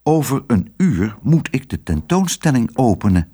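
A man's voice: medium pitch, big pitch swings, moderate pace, dark tone, husky. A man reading aloud and voicing a nervous, fussy village mayor who gets agitated and stammers. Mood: worried.

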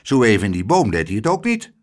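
A man's voice: on the low side, wildly swooping pitch, quick pace. A man reading aloud, voicing a bossy, opinionated older woman in a children's story. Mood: scoffing. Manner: opinionated, dismissive.

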